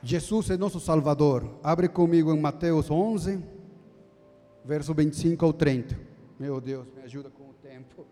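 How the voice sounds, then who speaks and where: A man's voice: a little high, normal speed, dark tone, faint music behind. A man in his thirties with a Brazilian Portuguese accent, preaching a sermon as a deacon in an earnest, teaching tone and asking the congregation to agree. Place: church hall. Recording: long church-hall reverb.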